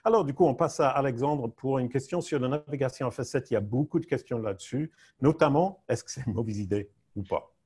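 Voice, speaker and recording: A man's voice: medium pitch, fairly quick, hardly any pauses, a little mellow, husky. A man hosting a web seminar, moderating questions with a playful, joking manner over a video call. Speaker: webinar host. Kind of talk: moderating a panel Q&A.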